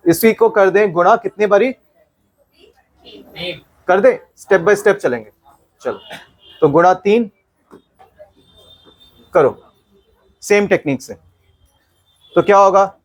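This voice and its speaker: A man's voice: high-pitched, expressive, slow, pauses often. A man leads a maths class in a classroom. He is playful, fires questions at the students and mixes Hindi with English as he teaches. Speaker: maths session facilitator.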